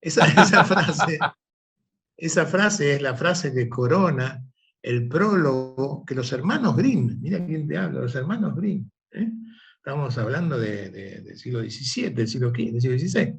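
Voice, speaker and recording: A man, the guest of an interview, telling a parable and reflecting in an animated, conversational way. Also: mid-range voice, normal speed, gravelly. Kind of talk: conversational storytelling.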